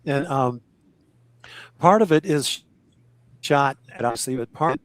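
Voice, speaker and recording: On a relaxed podcast, an older actor looks back on his acting career, rambling, correcting himself mid-sentence, and laughing between thoughts. His middle-pitched voice moves at a measured pace. The recording is close and dry, with almost no room sound and no echo.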